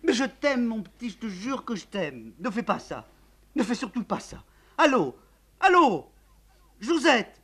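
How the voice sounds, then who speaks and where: A man's voice: high voice, very animated, moderate pace, breathy edge, pitched above the performer's own voice, full character voice. A man voicing a weary aristocratic count with dry, mocking irony, reading a stage play. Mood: pleading.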